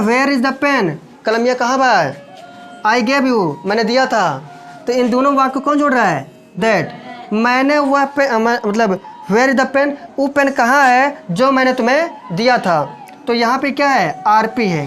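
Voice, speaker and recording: A man teaching English grammar in with a lilt, who keeps checking the class with quick questions. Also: very high voice, fairly bright tone, rough recording.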